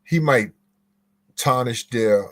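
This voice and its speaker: A man's voice: mid-range voice, slow pace, a bit bright. A man answering interview questions on a podcast, explaining step by step and repeating phrases for emphasis. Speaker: guest legal commentator.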